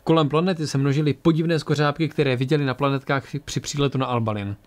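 A man's voice: medium pitch, fairly even intonation. A man narrating an amateur audiobook in a plain reading voice with occasional restarts.

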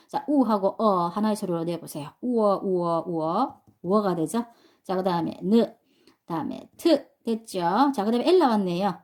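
A woman's voice: medium pitch, dark tone. A woman teaching English pronunciation to adult learners, explaining step by step and often asking the class questions. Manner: patient, repeats and asks the class questions.

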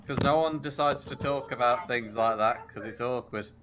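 A man's voice: medium pitch, normal speed, crowd noise. A man, chatting and joking loosely with friends during a break in a tabletop game. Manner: joking, rambling banter. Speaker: tabletop player.

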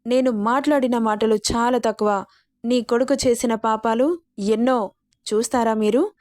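A bitter, defiant young wife with a sharp, accusing edge, read by a woman narrator. The voice is fairly high and dry, with no room around it. It is a storybook reading. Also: fairly even intonation, a little slow, no room sound, close to an everyday voice.

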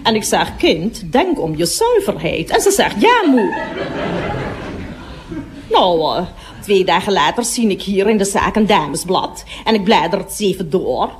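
A chattering middle-aged toilet attendant. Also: female voice, mid-range voice, sing-song, unhurried, noisy background. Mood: gossipy. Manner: chattering, gossipy, breaks off to address customers. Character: gossipy middle-aged woman toilet attendant, proud mother. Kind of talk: 1950s radio comedy monologue.

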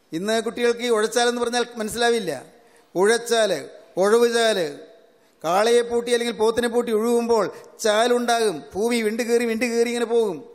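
A man delivers a sermon in a strikingly high voice that rings out in a hall with a long reverb. He repeats each scripture phrase at a slow, deliberate pace, then drives his point home with steady repetition.

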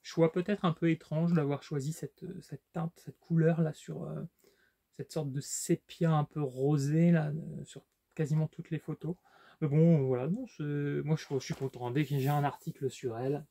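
A man's voice: fairly high pitch, fairly even intonation, moderate pace, gravelly, mellow. A man casually showing his book collection in a vlog, talking with lots of fillers and restarts. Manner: hesitant, many fillers and restarts. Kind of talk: casual unboxing vlog chat.

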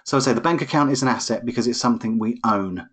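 A man's voice: mid-range voice, fast talker, husky. A man tutoring accounting in a live online lesson, explaining each step patiently over a computer microphone. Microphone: computer microphone on a webinar.

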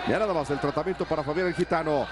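A man's voice: fairly high pitch, racing. A man giving play-by-play commentary on a wrestling match. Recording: noisy arena behind the voice.

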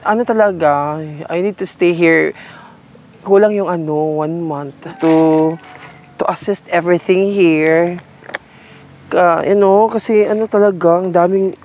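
A gardening vlogger with a high, darkish voice gives a casual, rambling tour of his home garden, keeping partly outdoors, and keeps calling his viewers darling. A faint hiss or hum sits under the recording.

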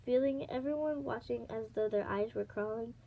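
A woman reading a children's fantasy novel aloud as an amateur audiobook, in a steady storytelling manner. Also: a little high, moderate pace, vocal fry, low-quality recording. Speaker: audiobook reader.

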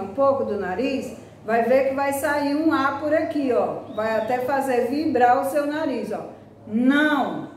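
A Brazilian woman teacher speaks slowly and carefully, stretching out words so children can hear each sound. Her voice sits high and carries from some distance away. A strong echo fills the room, with a faint hum of ambience behind her. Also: a little mellow. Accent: Brazilian Portuguese. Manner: slow, drawn-out words, exaggerated sounds to demonstrate. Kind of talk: recorded class lesson for young pupils.

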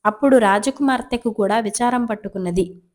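A woman storyteller reading folk tales aloud at a steady, even pace. Her delivery is scripted and calm, like a read-along storybook. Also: fairly high pitch, a little fast.

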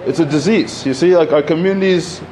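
A man in his thirties gives an unscripted talk into a podium microphone in a community center. His voice sits a little high for a man, and his speech is loose and conversational, full of fillers and restarts. Faint hiss and room noise hang under his voice. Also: fairly quick, dark tone. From Egypt. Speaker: panel speaker. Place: community center hall, indoors.

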